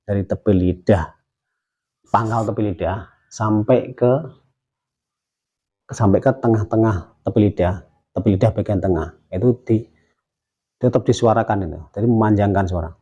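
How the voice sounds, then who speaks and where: Indonesian guy teaching tajwid, lowish voice, kinda husky, says each sound over and over. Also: warm tone, highs cut off. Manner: repeats drawn-out syllables to demonstrate; patient, explanatory, uses many fillers. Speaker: Quran recitation teacher. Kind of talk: tajwid pronunciation lesson.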